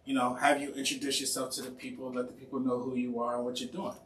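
A man's voice: mid-range voice, flat delivery, fast, fairly bright tone. A man hosting a podcast interview, talking in a casual, slangy way with lots of "you know". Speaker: podcast host. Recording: roomy, distant mic, faint noise.

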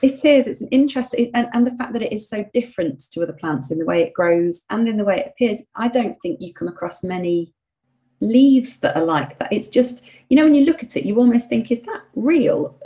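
On a laid-back podcast, this co-host speaks in a medium-pitched, expressive voice at a fairly quick clip over rough audio. She's earnest and warmly opinionated, occasionally working herself up into mild indignation.

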